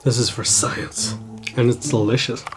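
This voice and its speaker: A man's voice: medium pitch, flat delivery, measured pace, noisy background. A man hosting a casual night ghost-hunting vlog, talking jokingly to a supposed ghost. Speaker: vlog host.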